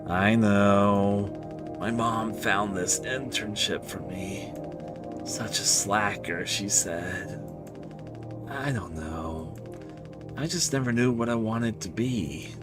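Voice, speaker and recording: Man reading as a slow, downcast young slacker. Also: on the low side. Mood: dejected, apologetic. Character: dejected young male slacker intern, self-blaming. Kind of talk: reading game character dialogue aloud. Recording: music behind the voice.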